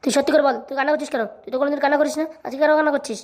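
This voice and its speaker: This is a cocky young nephew in a cartoon who boasts and schemes, played by a woman. He talks very fast, with a swaggering, bossy push behind his words. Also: sits high, steady tone, a little mellow, lightly acted. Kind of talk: cartoon voice acting.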